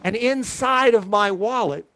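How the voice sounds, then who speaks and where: A high-pitched male magician delivering stage patter. He repeats phrases to build things up step by step, with faint music behind. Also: a little slow, a bit bright. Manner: repetitive step-by-step build-up to a reveal. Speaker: performing magician.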